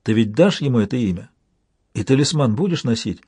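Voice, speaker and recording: A man voicing a dying ship captain in an audiobook, in a weak, breathy but commanding whisper. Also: mid-range voice, animated, brisk, a little mellow, no echo. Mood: solemn.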